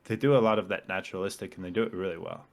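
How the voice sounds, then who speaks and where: A man's voice: low voice, fairly even intonation, rapid-fire. A man co-hosting a casual podcast chat, explaining his views on films at length in an analytical way. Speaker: podcast co-host.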